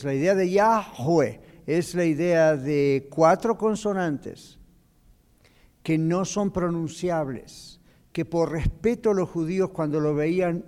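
A man's voice: a little high, darkish tone. A man teaching a Bible class as pastor, explaining patiently and slipping in English phrases. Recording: long church hall reverb.

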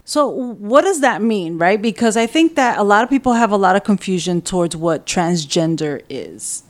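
A woman with a medium-pitched voice hosts a podcast. She speaks as an interviewer leading a panel discussion. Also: expressive, moderate pace. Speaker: podcast host. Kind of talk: hosting an interview.

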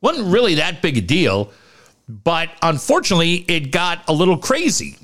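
A man's voice: a little high, sing-song, moderate pace, a bit bright. A man co-hosting a casual sports talk show, sounding stuffed up from nose packing, rambling and slangy with some swearing.

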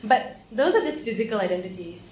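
A woman from Malaysia with a Malaysian English accent, a teacher talking through her views in a casual conversation, thoughtful and quick to laugh, often restarting her sentences. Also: mid-range voice, sing-song, a little mellow, slight background noise. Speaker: guest, teacher. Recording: roomy room echo.

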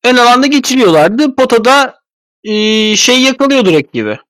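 A man's voice: very high voice, very animated, a little fast, fairly bright tone, no room sound. A man sick with a cold, his voice thick and stuffy, giving casual, rambling basketball analysis as a podcast commentator. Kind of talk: casual sports analysis talk.

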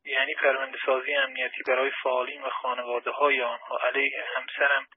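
Husky man on a tinny phone line. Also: mid-range voice, level tone. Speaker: imprisoned labour activist. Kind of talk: prepared personal statement. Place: phone call from prison. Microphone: telephone handset.

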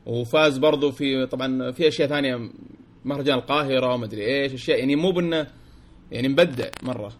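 A man's voice: medium pitch, rapid-fire. A man with a Gulf Arabic accent hosting a casual discussion, dropping English words into his talk. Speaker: film show host. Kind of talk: casual chat.

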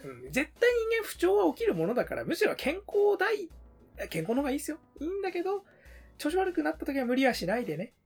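A man's voice: very high voice, huge pitch swings, quick pace, vocal fry, faint music behind. A man co-hosting a podcast in casual chat with a friend. He is chatty and often laughs while he talks. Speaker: podcast co-host. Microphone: remote recording.

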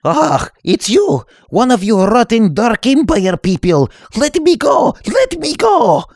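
A man's voice: high voice, huge pitch swings, drawn-out words, creaky, no room sound, clean studio sound, voice pushed up, full character voice. A man voicing a jittery, panicky young man in a story reading, stammering and frantic. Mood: panicked.

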